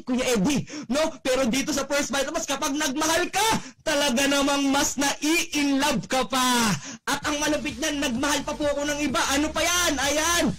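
A young man giving a motivational testimonial speech, exclaiming and shouting, often tagging his lines with a questioning "no?". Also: very high-pitched, background noise. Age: young adult. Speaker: network marketing speaker giving a testimonial.

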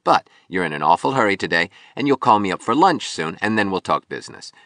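A man's voice: sits low, big pitch swings, fast talker, a bit bright, no room sound, studio quality, heavily acted. A man voicing a bitter, drunk young male sculptor in an audiobook, with a hard, impatient, belligerent voice. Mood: swaggering, bitter. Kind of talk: audiobook reading.

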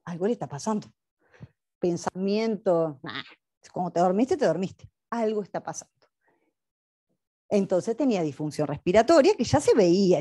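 A woman's voice: fairly low pitch, dark tone, dry recording, clean studio sound. A woman, a speech therapist giving a lecture on a case study and posing rhetorical questions to her audience.

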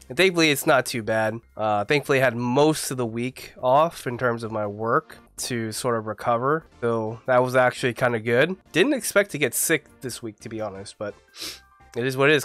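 Congested from the flu, a young man with a medium-pitched voice gives casual, excitable commentary while playing a racing game. He's a gaming YouTuber recording in his home gaming room on a desk mic with a face camera, and there's no room sound.

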